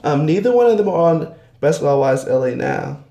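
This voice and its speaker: A man's voice: on the high side, animated, brisk, vocal fry, mellow. A man from Georgia chatting casually about reality TV as a vlogger, rambling with many fillers. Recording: echoey room.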